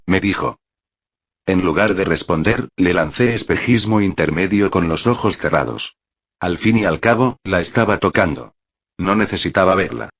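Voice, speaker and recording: A man narrating a first-person fan fiction story in an even, steady reading voice, with a husky tone. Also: sits low. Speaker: fanfic reader and narrator. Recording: dry, slightly muffled recording.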